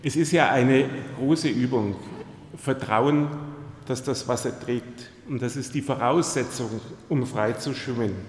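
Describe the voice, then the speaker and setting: Slight background noise sits under this pastor's darkish, mid-range voice as his sermon echoes through a church hall. He narrates personal stories and addresses the congregation with pointed questions.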